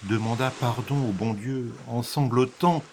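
A man narrates a classic short story at a slow, unhurried pace. His delivery is dramatic and measured, with a middle-pitched voice that rises with the tension. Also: a little hiss or hum. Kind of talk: literary story reading.

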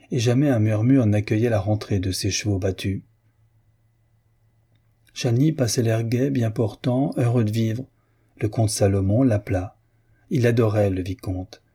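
Guy reading a novel aloud, calm and measured, mellow and a bit husky. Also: on the low side. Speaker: audiobook narrator. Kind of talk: scripted narration of a novel.

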